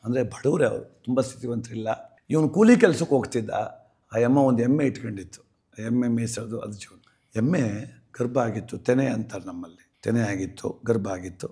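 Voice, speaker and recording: Gravelly-voiced man telling a comic folk tale. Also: medium pitch, fairly quick. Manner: animated, acts out characters in quoted dialogue. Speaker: storyteller guest.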